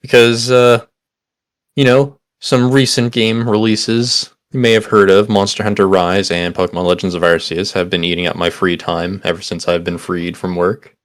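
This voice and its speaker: A man co-hosting a podcast with dry, deadpan remarks. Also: sits low, moderate pace, no room sound. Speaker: podcast co-host. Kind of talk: casual podcast banter.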